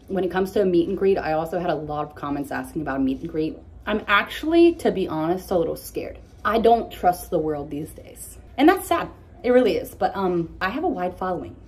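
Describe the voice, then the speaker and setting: A woman's voice: sits low, a little mellow, a little hiss or hum. Candid young woman with a lisp. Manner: candid and blunt, swears casually. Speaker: content creator answering follower questions. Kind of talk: casual Q&A vlog.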